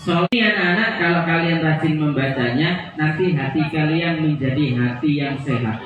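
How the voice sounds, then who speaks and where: A man's voice: on the high side, normal speed, echoey room, dull audio, crowd noise. A man, a religious teacher telling schoolchildren a story and quizzing them playfully. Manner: playful, questions the children. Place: school hall at an iftar gathering.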